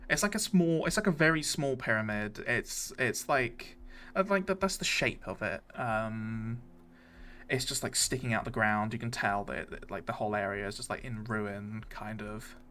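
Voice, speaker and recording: A man's voice: on the low side, normal speed, bright, forceful tone. A man narrating a tabletop game as game master, hesitant with many fillers.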